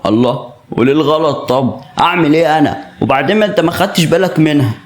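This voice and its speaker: A man's voice: fairly high pitch, fast, a little hiss or hum, lightly acted. A man playing a leering street harasser. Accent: Egyptian. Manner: mocking, sleazy.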